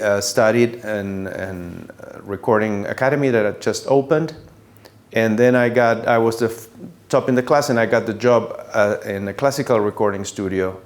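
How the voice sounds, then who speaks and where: Man, Argentine accent, native Spanish speaker, fairly low voice, mature, reflective storyteller, halting delivery, repeats for emphasis. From Buenos Aires, Argentina. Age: middle-aged or older. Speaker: sound engineer. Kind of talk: personal career storytelling to an audience.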